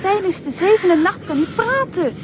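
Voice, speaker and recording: Wiske, a very high childlike girl. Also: lively intonation, moderate pace, background noise. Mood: tender. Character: Wiske, spirited young girl. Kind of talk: radio play acting. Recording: music underneath.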